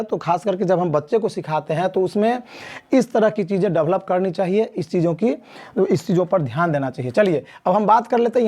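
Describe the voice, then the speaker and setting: Man from Mithila, beginner English lesson at a board, mellow dark voice, slow and deliberate, repeats each point. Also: high-pitched. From Mithila region of India. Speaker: English teacher.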